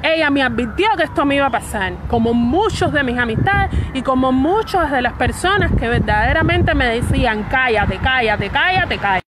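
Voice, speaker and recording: A young woman with a Cuban accent talks straight to the camera in a raw, personal statement, stumbling and restarting her words. Her voice sits high. Loud street traffic runs behind her outdoors. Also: animated. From Cuba. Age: young adult. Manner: halting, repeats and restarts words. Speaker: fired state worker speaking out. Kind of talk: emotional personal video statement.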